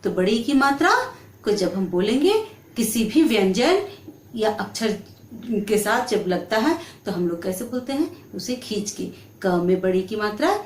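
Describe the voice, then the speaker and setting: A woman teacher explaining a children's lesson slowly, drawing out each syllable. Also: on the high side, expressive, roomy sound, distant mic. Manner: slow, drawn-out syllable-by-syllable explanation.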